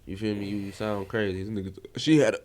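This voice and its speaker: A man's voice: lowish voice, steady tone, fast talker, a little mellow, slight background noise. A man co-hosting a casual podcast, teasing and joking with his friend. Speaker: podcast co-host. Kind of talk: casual chat.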